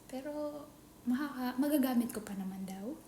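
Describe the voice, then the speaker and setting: A Filipino woman chatting casually in a vlog, often dropping into a hushed whisper. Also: sits high, normal speed. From Philippines. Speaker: nanny vlogger. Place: employer's home. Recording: echoey room with faint ambient noise.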